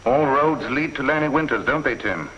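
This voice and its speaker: An actor playing a shrewd police inspector in a 1950s TV crime drama, measured, dry and quietly probing. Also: male voice, mid-range voice, animated, a little hiss or hum, lightly acted. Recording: dull lo-fi 1950s TV soundtrack.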